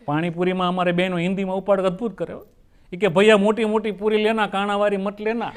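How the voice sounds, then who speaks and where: A man's voice: high-pitched, little pitch movement, fast, clean tone. A man telling folksy comic stories on stage and acting out his characters' lines. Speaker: folk comedian. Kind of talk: stage comedy storytelling.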